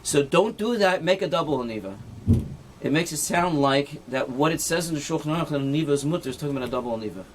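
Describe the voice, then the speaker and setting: Expressive and fast, with a fairly high pitch, a rabbi leads a casual halacha class over a little hiss or hum. He explains knots step by step while demonstrating them with his hands. Along the way he checks in with "right?" and uses Hebrew and Yiddish terms.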